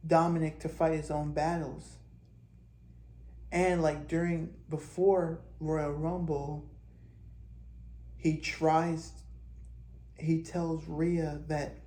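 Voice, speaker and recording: A man with a slightly high, dark-toned voice hosts a vlog of wrestling fantasy-booking commentary, rambling through speculative storylines and hesitantly restarting his sentences.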